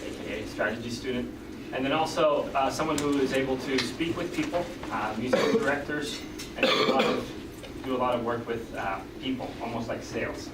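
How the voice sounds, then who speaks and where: A man's voice: medium pitch, fairly quick. A young man from Finland, out of breath, giving an upbeat class announcement with many fillers. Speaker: student presenting to a class. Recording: roomy classroom audio from far off, loud background noise.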